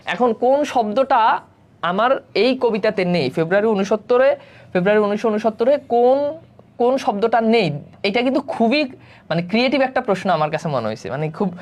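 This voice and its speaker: A man's voice: high-pitched, animated, fairly quick. A man teaching a live online exam-prep class. He works through the answers step by step and keeps checking in with his students. He slips English words into his explanations. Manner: mixes English words into speech.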